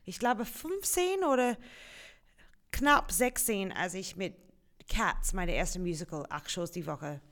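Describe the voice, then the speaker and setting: A woman's voice: fairly low pitch, slow. A woman in her forties from Australia with an Australian accent, a musical theatre performer telling stories in a casual interview, with simple non-native phrasing. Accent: Australian English. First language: English. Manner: lively storyteller, laughs often, simple non-native phrasing.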